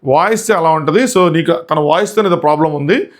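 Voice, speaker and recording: A man's voice: on the high side, a little fast. A man giving a casual spoken review of a TV show. He mixes in English phrases and acts out quotes from others.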